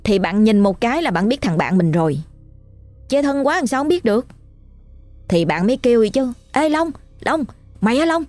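A woman's voice: mid-range voice, lively intonation, a little fast, long pauses, darkish tone, no echo, soft background music. A woman narrating a ghost story in a colloquial, exclamatory way.

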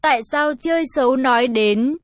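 Giọng nữ đọc trưởng lão lạnh lùng nghiêm khắc. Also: female voice, high voice, normal speed, dry recording, natural voice. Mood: cold. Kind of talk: audiobook narration.

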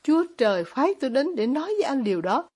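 A woman voicing a gentle, devout young man who speaks quietly and deliberately, read as an audiobook. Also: sits high, sing-song, breathy edge, full character voice. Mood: hushed. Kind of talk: audiobook reading of dialogue.

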